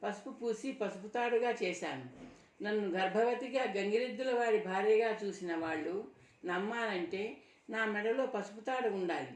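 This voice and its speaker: A woman reading a steady, bold young heroine. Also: mid-range voice, normal speed, natural voice. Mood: firm. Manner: calm, firm, insistent. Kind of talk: audiobook dialogue reading. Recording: roomy sound from a distant mic.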